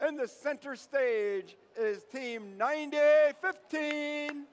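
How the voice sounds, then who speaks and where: A man's voice: extremely high pitch, slow pace. A man announcing a live event as master of ceremonies, introducing teams in a showy, stretched-out way. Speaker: master of ceremonies at a robotics competition.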